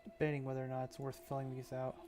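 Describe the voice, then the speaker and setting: A man casually thinking aloud as he builds a game map, musing and talking to himself in an unhurried way. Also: mid-range voice, completely flat delivery, warm tone, a little hiss or hum.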